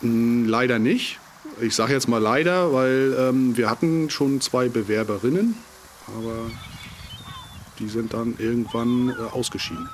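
A man speaking as a military instructor in a casual podcast interview, with halting, thoughtful phrasing. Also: mid-range voice, expressive, slight background noise.

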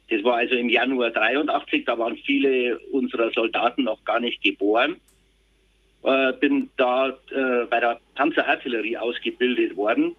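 A man in his fifties speaking haltingly as an army reservist recounting in an interview. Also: medium pitch. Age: 50s. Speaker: army reservist sergeant, podcast guest. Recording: husky-sounding tinny phone-like line.

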